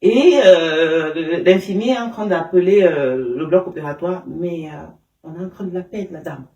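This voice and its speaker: A woman giving an emotional personal testimony in an interview, halting, with many fillers and restarts. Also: lowish voice, dark tone. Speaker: interview guest. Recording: roomy sound from a distance.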